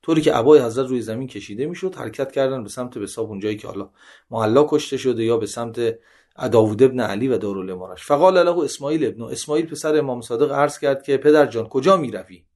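Man teaching religious texts, animated delivery. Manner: reads Arabic passages then paraphrases in colloquial Persian; animated, with sharp rises in pitch when quoting. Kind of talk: seminary lecture reading and explaining hadith.

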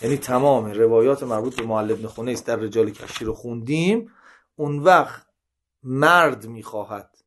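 A man giving a seminary lesson, reading Arabic narrations aloud and explaining each in conversational Persian, with sudden rises in pitch when he quotes. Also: slight background noise. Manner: reads Arabic passages then paraphrases in colloquial Persian; animated, with sharp rises in pitch when quoting. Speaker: religious teacher.

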